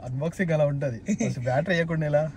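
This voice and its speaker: A man's voice: fairly high pitch, rapid-fire, crowd noise. A man hosting a casual unboxing vlog. He chats easily and slips English words into his talk. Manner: chatty, mixing in English words. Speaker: vlog host.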